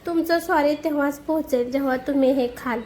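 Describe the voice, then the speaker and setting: A woman's voice: high-pitched, brisk, darkish tone, slight background noise, close to an everyday voice. A woman reading the lines of a shy, flustered young woman in an audiobook, sounding pleading and a little cross.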